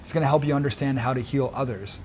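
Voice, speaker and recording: A man quoting a gentle feminine plant spirit in his own voice, soft, patient and solemn. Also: mid-range voice, fast talker, a little hiss or hum, close to an everyday voice.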